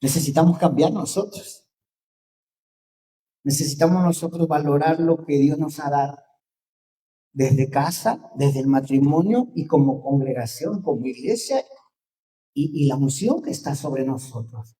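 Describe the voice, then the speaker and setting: Mexican pastor preaching a sermon. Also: male voice, fairly high pitch, lively intonation, unhurried, pauses often. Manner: conversational, drops to quiet asides, rises when reading scripture.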